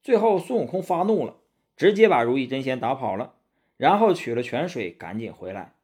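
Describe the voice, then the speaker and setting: A man narrating a storybook tale in an animated, dramatic way. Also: medium pitch, fairly quick, slightly rough.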